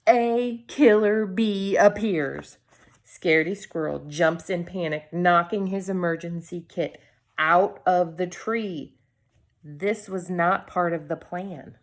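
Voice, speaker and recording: With a fairly low voice, a woman reads a children's storybook expressively, pausing for dramatic effect and dropping brief asides to those watching.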